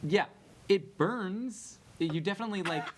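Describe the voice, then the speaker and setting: A man's voice: high-pitched, measured pace, background noise. A man narrating a tabletop game as dungeon master, loose and rambling with lots of fillers.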